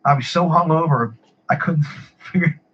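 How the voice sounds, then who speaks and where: A man's voice: on the high side, moderate pace, breathy edge. A man telling rambling stories in casual chat, repeating his words and laughing at his own tales. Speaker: podcast regular. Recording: muffled lo-fi with faint hiss.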